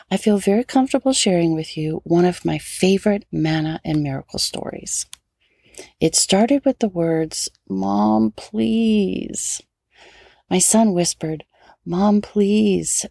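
A middle-aged woman, a homeschooling mother and former teacher, gently and earnestly reading her own memoir aloud. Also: lowish voice, gravelly, slightly rough, dry recording, clean studio sound.

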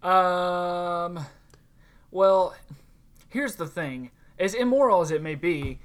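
A laid-back man with a light Southern US accent, co-hosting a casual comedy podcast. His voice sits somewhat high for a man. He is agreeable and often chimes in with short affirmations. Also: slow. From Southern United States. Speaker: podcast co-host.

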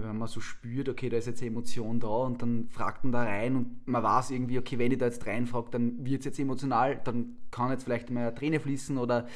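A man, a counselor co-hosting a casual talk, explaining thoughtfully with many restarts. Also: medium pitch. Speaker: counselor and co-host. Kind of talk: casual conversational podcast.

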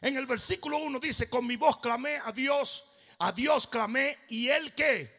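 Male pastor, fervent sermon delivery, very high husky voice, long church-hall reverb. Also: measured pace. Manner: fervent preaching, shouting and half-singing phrases.

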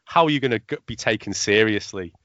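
A man co-hosting a podcast, talking in a wry, animated way. His voice sits low. The recording is dry and slightly muffled. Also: fast, no echo. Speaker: podcast co-host. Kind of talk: casual chat.

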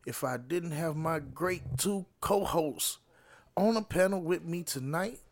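A man's voice: fairly high pitch, measured pace. A man hosting a casual late-night panel show, often repeating his phrases for emphasis. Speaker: podcast host.

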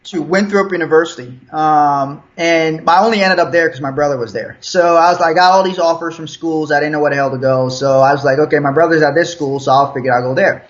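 Talking quickly with few pauses in a fairly high voice, a young Liberian man with an American accent relaxes into his story as an interview guest, with chuckles and restarts along the way. The audio is dull and lo-fi.

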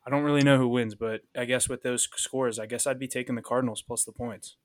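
A man's voice: medium pitch, fairly even intonation, fast, no echo. An easygoing man talking through his picks in a casual chat, thinking aloud as he goes. His voice sits mid-range, recorded close and dry. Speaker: podcast co-host. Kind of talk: casual sports betting chat.

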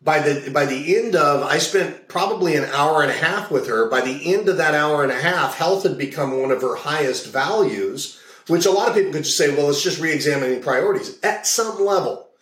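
A man's voice: fairly high pitch, lively intonation, normal speed, fairly bright tone. Man telling coaching stories in an echoey room. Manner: explains in long stories, repeats key phrases. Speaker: guest, hypnotist and values coach. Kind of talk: casual interview talk with anecdotes.

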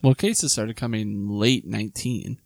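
A man's voice: fairly low pitch, fairly even intonation, unhurried, gravelly, darkish tone, dry recording, clean studio sound. A man co-hosting a podcast in casual chat, explaining things, thinking aloud and correcting himself. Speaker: podcast co-host.

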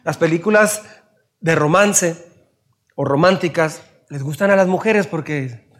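A man's voice: on the high side, unhurried, a bit bright. A man with a Mexican Spanish accent preaching a sermon, asking his listeners questions and acting out little scenes in raised voices. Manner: asks the audience questions. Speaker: pastor.

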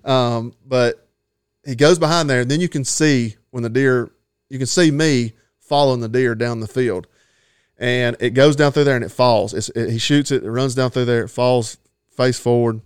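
A man's voice: medium pitch, fairly even intonation, normal speed, clear, resonant tone, no echo, studio quality. Folksy man telling a hunting story. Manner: rambling, folksy, laughs at his own story. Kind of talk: casual storytelling.

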